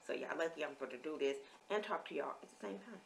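Low-voiced woman vlogging casually. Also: lively intonation, quick pace, creaky, very noisy. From American. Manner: chatty, reads menu items in a list. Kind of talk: casual food review vlog.

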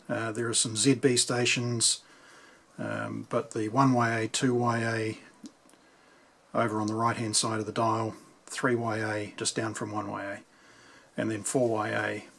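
Working at his bench indoors, a New Zealand man who repairs vintage radios talks conversationally, musing aloud while he explains. He has a mid-range voice with a fairly bright tone, and there's clear background noise punctuated by clicks.

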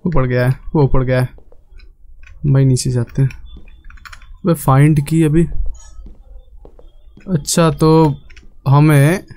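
A man's voice: on the high side, flat delivery, slow, pauses often, dark tone. A young man giving casual, jokey commentary on a horror game, often pleading with the game. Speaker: gaming YouTuber.

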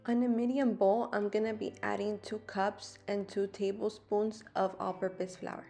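A woman's voice: medium pitch, flat delivery, normal speed, vocal fry. A young woman vlogger narrating a recipe voice-over, explaining each step plainly. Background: guitar music.

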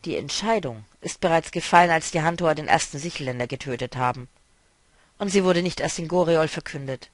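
Man doing a stern woman, firm, clipped, commanding, a bit higher voice, dry sound. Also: a little fast, no room sound, close to an everyday voice. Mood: determined.

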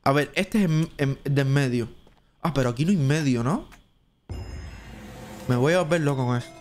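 A man with a Cuban Spanish accent, streaming live gameplay and chatting as he thinks aloud, now and then jumping into a squeaky high voice. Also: moderate pace, a little mellow, soft background music. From Cuba.

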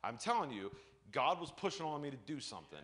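A male pastor preaching a lively sermon, telling personal stories and acting out the voices in them. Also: a little high, fast. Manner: animated storytelling, acts out voices, shouts and laughs.

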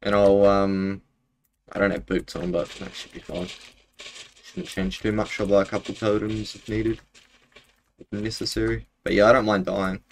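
This game streamer is a young Kiwi man with a broad accent, talking casually and loosely with plenty of slang in a lowish, flat voice at normal speed. The audio is rough, and keyboard and mouse clicks sit clearly in the background noise.

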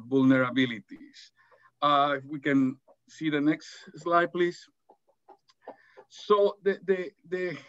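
A man's voice: a little high, fairly bright tone, no room sound. A middle-aged man from El Salvador moderating and presenting in an academic webinar, speaking hesitantly with many fillers and restarts, from an office over a video call. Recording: dull, dry video call audio.

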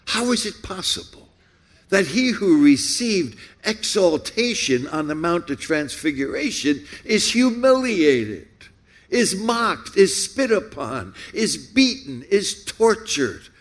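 A man preaches a sermon in a husky voice, pitched a little high for a man. He speaks slowly and swings his pitch widely. His repeated rhetorical questions build in emphasis. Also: big pitch swings. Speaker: pastor.

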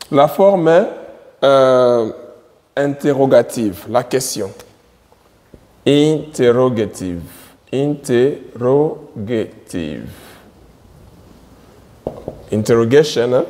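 Slow-talking man teaching at a board. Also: medium pitch, animated, darkish tone, long reverb tail. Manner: drills words by repeating them slowly. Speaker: English teacher. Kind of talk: slow classroom explanation at a board.

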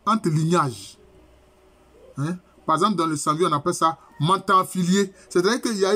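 A middle-aged professor gives a university lecture. His voice is husky and sits fairly high for a man. He explains each term slowly and repeats key phrases. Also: a bit bright.

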